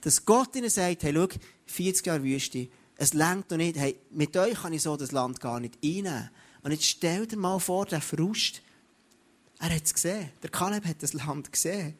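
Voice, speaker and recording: Man, sermon, high-pitched voice, direct address, frequent restarts. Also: expressive, moderate pace. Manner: addresses listeners directly with repeated "hey, schau" and frequent restarts. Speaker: preacher.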